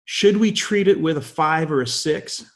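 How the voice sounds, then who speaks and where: Speaking at a moderate pace in a slightly high voice, a man in his fifties takes the guest host role on a leadership call. His motivational address is full of emphatic questions posed for effect.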